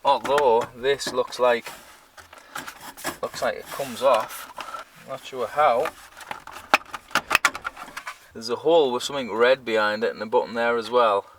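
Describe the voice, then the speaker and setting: Unhurried and pausing often, a man speaks at medium pitch with fairly even intonation, with background noise behind him. He's a camper van vlogger from Sunderland, north-east England, whose moderate Mackem accent colours his casual, blunt, colloquial and sweary DIY commentary.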